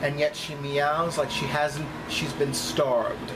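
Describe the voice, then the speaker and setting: Indoors in a small room near a kitchen, a middle-aged man who vlogs as a psychic reader delivers a chatty monologue to camera. His voice is on the high side and steady in tone, his phrasing emphatic and repetitive, with background noise audible.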